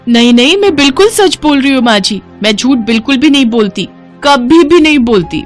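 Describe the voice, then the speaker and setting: A woman voicing a young daughter-in-law in a cartoon, quick, defensive and excitable. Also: on the high side, soft background music, pitched above the performer's own voice, close to an everyday voice. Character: young wife, fibbing, flustered daughter-in-law. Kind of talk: cartoon voice acting.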